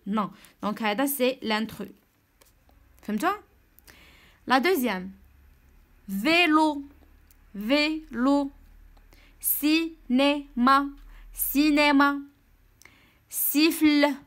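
A French teacher with a Moroccan accent gives an online reading lesson, slowly spelling out sounds and explaining in Darija. Her voice is high-pitched and a bit bright.

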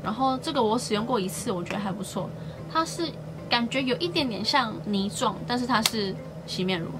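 Upbeat higher-voiced woman vlogger. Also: expressive, fairly quick, noisy background. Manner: chatty and upbeat, often stresses words by doubling them. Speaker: beauty and shopping vlogger. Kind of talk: casual haul vlog chat.

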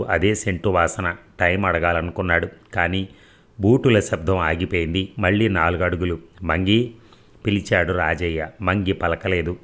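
A man narrating a crime novel as an audiobook, in an even, measured reading. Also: low-pitched.

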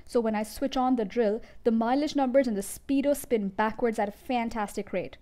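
A woman reading a storybook aloud, voicing a boastful, crooked car-dealer father who talks loudly and emphatically. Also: fairly high pitch, normal speed, natural voice. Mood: bragging. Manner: loud, bragging, emphatic.

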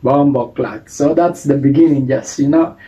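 A man's voice: medium pitch, moderate pace, warm tone, poor audio. A young man from Uganda hosting a reaction video, chatting casually with slang, laughing, and saying "you know" and "bro" a lot. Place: small indoor studio room.

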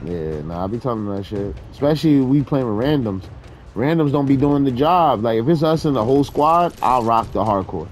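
A man's voice: mid-range voice, expressive, a little fast, a little hiss or hum. A man chatting casually with friends while gaming, talking in loose, profane slang over a headset. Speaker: gamer streaming with friends.

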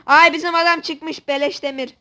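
A woman commentating a video game with a friend, excitable and joking, swearing playfully. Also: sits high, a little fast. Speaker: gamer host. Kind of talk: casual gameplay commentary.

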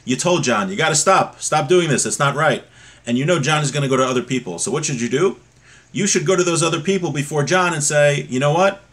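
A middle-aged religious teacher gives an informal lesson on a religious text, explaining with examples in a conversational, halting way. His voice is a little high and fairly bright. He's indoors in a small home room, recorded by a webcam or laptop mic at desk distance.

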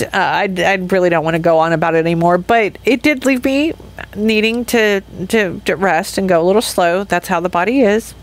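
A woman in her fifties hosting her own podcast in a loose, candid solo chat that rambles with frequent laughs and restarts. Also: fairly low pitch. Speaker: podcast host.

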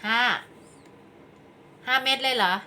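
A woman's voice: slow pace, bright, forceful tone. A woman casually chatting with young children as she hosts a tasting, playfully prompting them with questions, exclamations and little sing-song fanfares. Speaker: host guiding children through a candy tasting. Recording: clear background noise.

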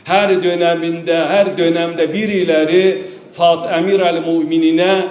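A man preaching a mourning sermon, his fairly high voice carried in slow, drawn-out phrases. He declaims with feeling and slips into chanting, and the sound rings around an echoey mosque hall. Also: little pitch movement, a little mellow. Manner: emotional, declaiming, partly chanted.

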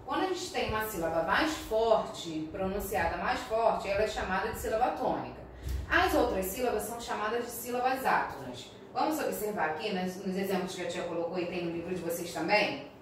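A Brazilian woman teaches a recorded primary school lesson at a slow, patient pace, checking in with her pupils after nearly every point. Her voice sits at an ordinary middle pitch. She sounds set back from the mic in a strongly echoing room, with faint noise underneath. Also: animated. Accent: Brazilian Portuguese. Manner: slow, patient, frequent check-ins with the class. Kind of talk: recorded remote class lesson. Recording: echoey room, mic at a distance.

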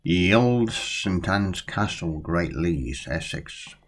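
A close-up webcam in a small home room records an older man vlogging about a book, chatting casually and reading from it aloud with a storyteller's relish. He takes it slowly, in a low-pitched voice full of lively intonation.

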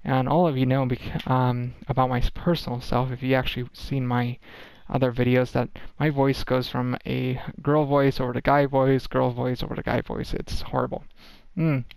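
A man's voice: mid-range voice, little pitch movement, normal speed, creaky, a little mellow, clear, resonant tone, dry recording. A tired man giving a casual, rambling game development update, full of ums and restarts. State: tired, worn-out voice.

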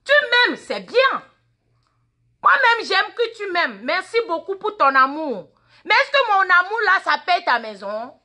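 With a very high voice, big pitch swings, a measured pace, and a bright, forceful tone, a social media personality in her forties addresses her followers live. A native Mina speaker with a Mina accent, she holds her phone at arm's length in a large indoor waiting room and lectures impassionedly, repeating words and questions.

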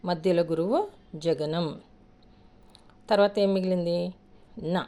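Patient woman teacher with a dark voice. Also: fairly low pitch, fairly even intonation, measured pace. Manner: patient, repeats and counts syllables aloud; asks questions then answers them herself. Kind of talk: explaining a lesson step by step.

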